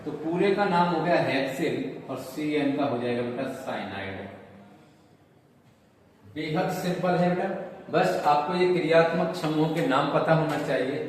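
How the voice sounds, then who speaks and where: A man teaching chemistry in a patient, repetitive way, often calling students "beta". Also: fairly high pitch. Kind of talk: classroom lecture. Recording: roomy echo, distant mic, faint noise.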